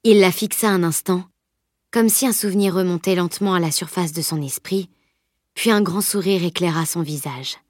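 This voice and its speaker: A woman narrating a novel as an audiobook reader, with even, clear storytelling. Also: lowish voice, moderate pace, dry recording, clean studio sound. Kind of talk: scripted narration.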